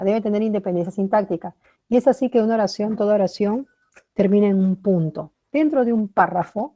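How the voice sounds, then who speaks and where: A woman's voice: mid-range voice, dark tone. A woman teaching a language class, explaining step by step, praising students by name and checking in with "¿verdad?". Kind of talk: online class lecture.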